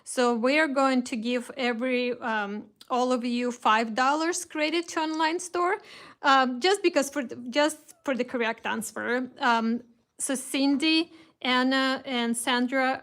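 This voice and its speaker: A woman with a Russian accent and a high, steady, fairly bright voice speaks a little slowly while hosting a casual live-stream craft kit reveal. She chats with viewers, greets them by name, and often restarts her sentences.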